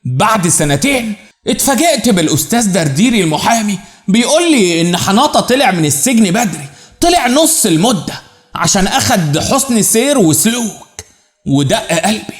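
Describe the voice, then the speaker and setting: A man with an Egyptian accent narrating a dramatic first-person story, expressive and lingering on repeated phrases. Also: high voice, fairly quick, roomy sound. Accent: Egyptian Arabic.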